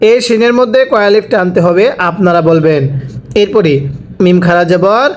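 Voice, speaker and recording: A man teaching Quran reading, spelling out each letter and vowel mark and then repeating the word slowly for learners to follow. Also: sits high. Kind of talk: slow drilled recitation lesson.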